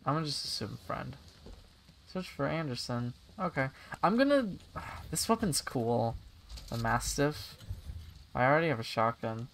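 A young man casually commentating a game stream, excitable and giggly, thinking out loud as he plays. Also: mid-range voice, normal speed, vocal fry, pauses often, slight background noise.

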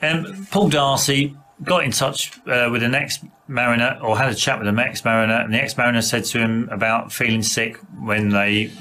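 A man's voice: medium pitch, steady tone, moderate pace, few pauses, sharp tone. A man co-hosting a casual podcast chat, who says "absolutely" a lot and restarts his sentences often. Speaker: podcast co-host.

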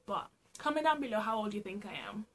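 A young Trinidadian woman with a local accent answers get-to-know-me questions for her vlog from a small room at home, chatting playfully and laughing often. She talks fast at a medium pitch, and there's a little hiss or hum in the audio.

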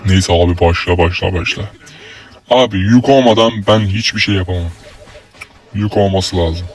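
A young man with a Turkish accent talks through his gameplay in a fairly low voice, swearing freely. He breaks into loud, high yells when opponents hit him. Faint game music plays underneath. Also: normal speed. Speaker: gaming YouTuber. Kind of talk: live gameplay commentary.

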